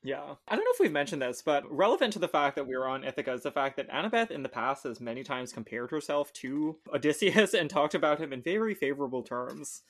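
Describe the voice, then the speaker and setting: A young woman with a very low voice co-hosts a casual book-club podcast. She rambles on with many fillers and laughs, and her voice sounds dry and close. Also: big pitch swings, fast, hardly any pauses, no echo. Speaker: podcast co-host.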